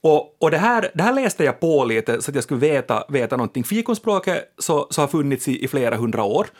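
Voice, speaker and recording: A man's voice: fairly high pitch, very animated. A man with a Finland Swedish accent co-hosting a radio chat, playful as he reads out listener messages. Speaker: radio co-host.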